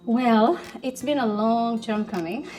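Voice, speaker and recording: A woman's voice: a little high, slow pace, a little mellow, faint music behind. A woman, telling her story earnestly as an interview guest. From Tanzania. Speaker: guest, business alliance founder.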